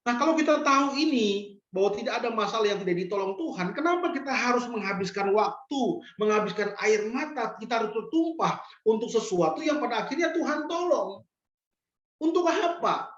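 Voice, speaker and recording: A man preaching a sermon as pastor, putting questions to the congregation and repeating key lines slowly for emphasis. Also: very high voice, lively intonation, a bit bright. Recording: roomy, dull lo-fi church recording.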